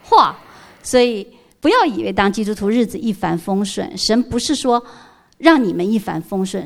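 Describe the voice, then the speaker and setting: A woman's voice: medium pitch, gravelly, darkish tone. A middle-aged woman giving an emotional church testimony, telling her story earnestly and dropping in English words.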